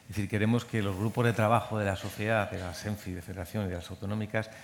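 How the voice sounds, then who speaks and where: Speaking fast in a level, gravelly, lowish voice, a man from Madrid addresses a conference hall about the medical training program he coordinates. The talk meanders with restarts and repeated words, and the room carries a long reverb.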